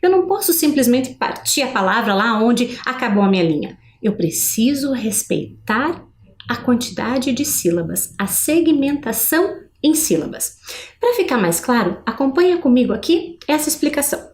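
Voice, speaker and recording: Woman teacher, bright and animated pitch, slow careful word drills, roomy echo. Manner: slow, drawn-out pronunciation of example words; asks questions to the viewers, frequent "né?". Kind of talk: recorded video lesson for adult learners. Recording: echoey room.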